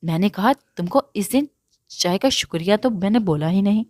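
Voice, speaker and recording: A playful young man courting with soft coaxing words, as a woman reads him, lifted a little in pitch, in a dry close room with no echo around the voice, and delivered in an easy storybook reading. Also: animated, lightly acted. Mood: teasing. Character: young man, confident and teasing suitor.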